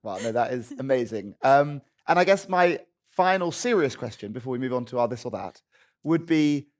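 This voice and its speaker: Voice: medium pitch, lively intonation, normal speed. A podcast host asking playful, teasing questions in a live interview.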